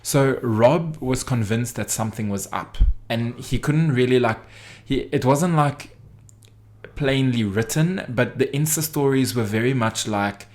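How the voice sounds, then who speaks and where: A man's voice: medium pitch, measured pace. A man co-hosting a casual podcast chat, gossipy and hesitant, with lots of fillers and restarts. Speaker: podcast co-host.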